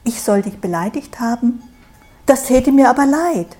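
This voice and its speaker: A woman voicing a calm, good-natured female pig in a storybook fable, who speaks in a mild, level-headed way. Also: fairly high pitch, moderate pace, faint music behind, voice pushed up, close to an everyday voice. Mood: friendly.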